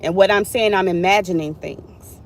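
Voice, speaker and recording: A woman's voice: mid-range voice, normal speed. Frustrated woman venting in a noisy car. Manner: frustrated, blunt, swears freely. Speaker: vlogger. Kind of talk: casual venting vlog.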